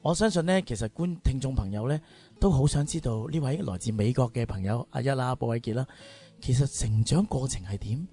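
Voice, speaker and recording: This radio show host, speaking with a Hong Kong Cantonese accent, runs a conversational interview in a colloquial, chatty manner with long-winded questions. He sounds animated, a little fast, with a mellow, mid-range voice.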